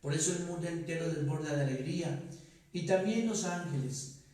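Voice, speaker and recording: A man, a priest, celebrating Mass, singing and reciting prayers in a slow, measured way, with a cathedral echo around his voice. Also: fairly high pitch, a little mellow. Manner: slow, measured liturgical delivery, partly sung. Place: large church. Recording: echoey church, voice from far off the mic.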